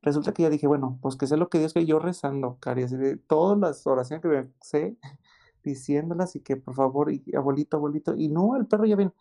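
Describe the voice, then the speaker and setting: A man with a Mexican accent telling a story in casual chat, excited and slangy, often repeating exclamations. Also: fairly high pitch, brisk. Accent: Mexican Spanish.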